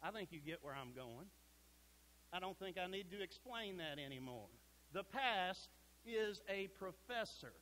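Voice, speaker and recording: A middle-aged man preaching a sermon in a church sanctuary, folksy and emphatic, dropping to a hush at points. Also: sits high, animated, a little slow, low-quality recording.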